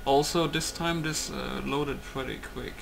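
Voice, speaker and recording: Somewhat high and gravelly, the man's voice moves a little slowly with fairly steady intonation as he thinks aloud through a rambling, casual playtest. He creates gaming videos, and game ambience plays beneath his words.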